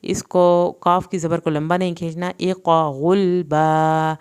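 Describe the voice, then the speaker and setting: A woman teaching Quran recitation, reciting verses slowly and then explaining the pronunciation rules quickly. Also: fairly low pitch, flat delivery, darkish tone, smooth. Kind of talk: tajweed lesson with slow recitation.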